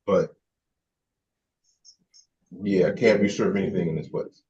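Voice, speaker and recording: A man playing a tabletop game, answering in character in a measured way. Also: low voice, fairly even intonation, a little mellow, recorded from a distance. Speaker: tabletop player. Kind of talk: in-character roleplay. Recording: roomy, dull-sounding.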